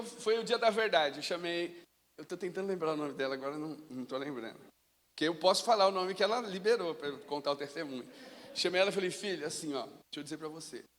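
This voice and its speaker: Male pastor, high-pitched, lively storyteller from the pulpit; reverberant sanctuary sound. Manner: storytelling, animated, casual. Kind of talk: sermon. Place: church sanctuary. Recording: long reverb of a church hall.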